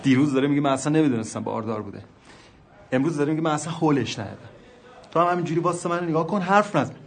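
An actor playing a poor, hot-tempered husband who shouts and interrupts during a tense court hearing. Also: male voice, fairly high pitch, gravelly. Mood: accusing.

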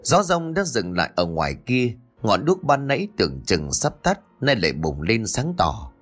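Lively male ghost story narrator. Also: mid-range voice, normal speed, faint music behind.

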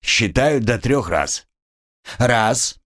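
A man playing a curt gruff soldier. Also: drawn-out words, heavily acted. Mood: commanding. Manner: curt, commanding, low and flat. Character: stern, gruff adult male soldier guard.

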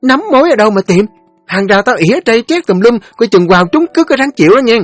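Brief: male narrator putting on a screeching, cursing village girl, pitched very high, dry studio sound. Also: animated, no room sound, soft background music. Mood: furious. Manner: screeching, cursing, fast threats. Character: foul-mouthed shrill teenage village girl.

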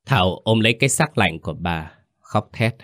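A man narrating a horror story in a calm, measured storytelling manner. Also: sits low, dry recording, studio quality.

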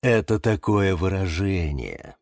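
A man voicing a calm, wise male bonsai tree who speaks slowly and thoughtfully, lecturing the others, in a children's storybook. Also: low voice, creaky, dry recording, studio quality, pitched below the performer's own voice, exaggerated voice.

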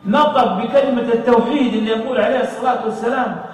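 A man preaching an emotional sermon, telling a story and swinging between loud pleading and hushed tones. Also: very high-pitched, fairly even intonation, quick pace. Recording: echoey hall, distant mic, faint noise.

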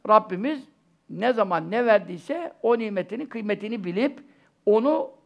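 A middle-aged man preaches into a pulpit microphone in a high, gravelly voice. He talks in a chatty way, tosses in joking asides and rhetorical questions, and slips Arabic blessings between sentences. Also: animated, normal speed. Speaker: religious teacher. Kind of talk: sermon-style religious lesson.

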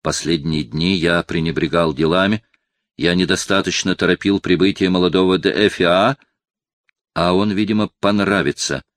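Imperious aging cardinal with a temper, voiced by a male audiobook reader; low, dry, loud indignant flares. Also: fairly even intonation, moderate pace, no echo, natural voice. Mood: fretful. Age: 50s. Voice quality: flaring into loud indignant outbursts. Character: imperious aging cardinal, proud, quick to anger. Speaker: audiobook reader voicing a character. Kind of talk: audiobook character reading.

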